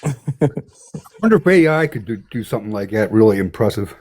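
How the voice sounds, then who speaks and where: A man's voice: lowish voice, big pitch swings, a little fast, darkish tone. A man joining a casual group chat, asking curious questions.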